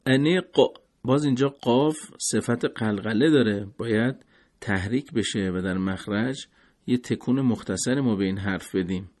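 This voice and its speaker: A man with a Persian accent teaching Quranic pronunciation, patiently explaining each letter and slowly modeling the Arabic words. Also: fairly low pitch, a little mellow. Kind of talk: tajwid lesson explaining letter articulation.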